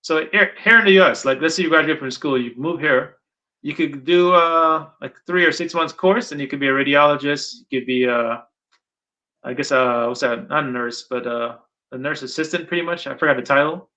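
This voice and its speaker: Fairly high and bright, his voice moves at a fairly quick clip as the middle-aged channel host from Guyana conducts a casual interview. He rambles and says things more than once to drive them home, all captured in dull, lo-fi sound.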